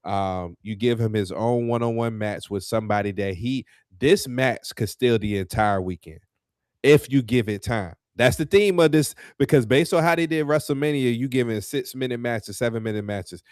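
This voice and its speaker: A man's voice: mid-range voice, normal speed, a little mellow, smooth, no room sound, clean studio sound. A man co-hosting a wrestling podcast, talking casually and animatedly, full of slang and fillers, getting heated as he rants. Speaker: podcast co-host.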